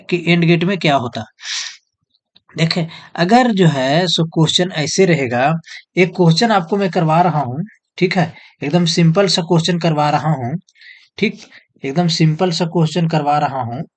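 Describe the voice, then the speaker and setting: A male teacher who explains step by step, asking questions and answering them himself. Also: fairly high pitch. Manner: repetitive question-and-answer teaching, "jo hai so" filler. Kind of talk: whiteboard lesson.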